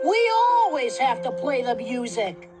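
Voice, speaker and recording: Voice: high-pitched, very animated, unhurried. An actor voicing a squabbling, insistent two-headed young cartoon dragon. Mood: sulky. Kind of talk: cartoon voice acting. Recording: show audio with loud music, slightly distant.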